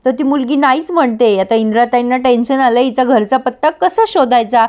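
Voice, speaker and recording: High-voiced woman recapping a serial. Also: fairly quick. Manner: lively storytelling, chuckles at the characters. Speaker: serial episode reviewer. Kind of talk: casual episode recap.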